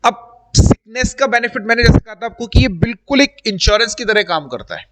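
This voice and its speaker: A man's voice: very high-pitched, expressive, a little fast, fairly bright tone. A male teacher giving a live classroom lecture, talking directly and chattily to his students and mixing English terms into his speech. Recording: long room reverb.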